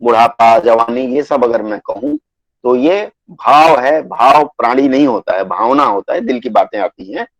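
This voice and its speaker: A man's voice: medium pitch, expressive, no echo, low-quality recording. Patient Indian man teaching Hindi grammar. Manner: patient, repeats and dictates word lists slowly. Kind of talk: online class lecture.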